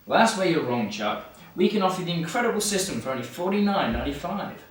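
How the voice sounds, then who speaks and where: A man acts a confident professor in a parody infomercial, selling gadgets matter-of-factly. His voice is slightly high and swings with emphasis. It is recorded in an echoey room, a bit away from the mic. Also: very animated, fast. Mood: eager selling. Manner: matter-of-fact, emphatic demonstrator. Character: confident male professor pitching absurd home weapons. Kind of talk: parody infomercial sales pitch. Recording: echoey room, distant mic, faint noise.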